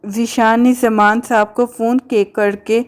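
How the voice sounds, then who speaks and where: A woman narrating a romance novel in a steady, even storytelling manner. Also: on the high side.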